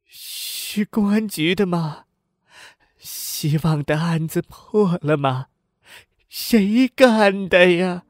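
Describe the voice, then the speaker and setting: A man's voice: sits high, very slow, no room sound, clean studio sound, pitched above the performer's own voice. A man voicing a grieving, sick village mother in her fifties who pleads tearfully for news about her son. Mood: pleading, grieving.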